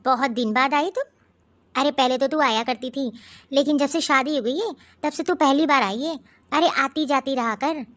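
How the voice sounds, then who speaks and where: A woman voicing a gossipy, scheming young sister-in-law in an animated cartoon, with sly asides. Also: high voice, normal speed. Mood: friendly.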